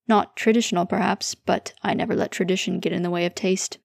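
A woman voicing a composed, formal male psychiatrist who speaks in precise, measured sentences. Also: on the low side, steady tone, creaky, no echo, clean studio sound.

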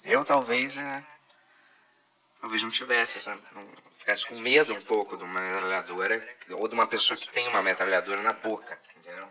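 A man's voice: on the low side, a little fast, highs cut off. A Brazilian man co-hosting a podcast with a half-robotic voice filter, bantering playfully and pretending to be a machine. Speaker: podcast co-host. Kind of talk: casual jokey banter. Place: podcast studio.

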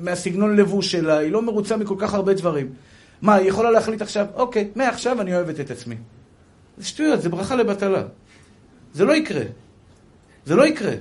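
A middle-aged man from Israel, a rabbi giving a spoken Torah lecture, repeating points emphatically and acting out the quotes in his stories. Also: high voice. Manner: animated storyteller who acts out quoted speech; repetitive, emphatic phrasing with frequent restarts. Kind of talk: spoken religious lecture to an audience.

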